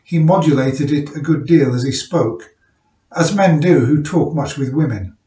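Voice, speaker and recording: A man reading a short story aloud in a measured, careful way. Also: a little high, mellow. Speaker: amateur reader. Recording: roomy room, mic at a distance.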